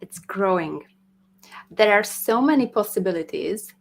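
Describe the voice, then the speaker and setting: A Hungarian music teacher, a woman whose first language is Hungarian, speaks in a casual interview. Her medium-pitched voice is expressive with vocal fry. She comes across as thoughtful and slightly halting, laughing often.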